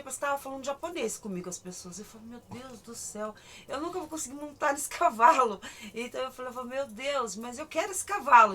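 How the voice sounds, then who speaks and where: A middle-aged woman with a Brazilian accent, a horse breeder chatting and telling stories in a lively way, often laughing. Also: fairly high pitch, slight background noise. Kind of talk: casual conversation.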